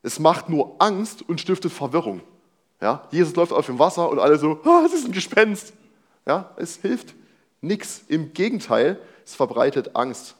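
A man's voice: on the high side, expressive, moderate pace. A young man preaching a sermon, reading a Bible passage and explaining it in a casual, conversational way with rhetorical questions.

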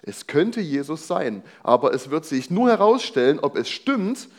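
Young male preacher, animated pitch, chatty sermon with slang and rhetorical questions. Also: a little slow. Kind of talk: sermon reading and explaining a Bible passage.

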